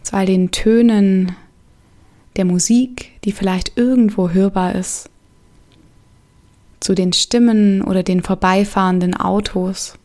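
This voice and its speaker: In a steady, mid-range voice, a woman soothingly and softly guides listeners through a meditation. Gentle pauses fall between her phrases.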